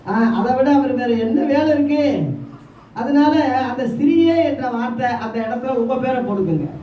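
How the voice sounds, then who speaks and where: High-pitched guy preaching to his church, heard from far off in an echoey hall, call and response. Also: animated, normal speed, dull audio, a little hiss or hum. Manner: preaching with call-and-response, acting out Jesus' questions. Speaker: pastor. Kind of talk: sermon.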